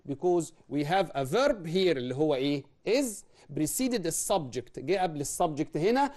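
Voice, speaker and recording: A man's voice: sits high, darkish tone. A man with an Egyptian Arabic accent teaching an English grammar lesson. He asks himself questions and answers them, and he reads example words out one at a time. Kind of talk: recorded classroom grammar lesson.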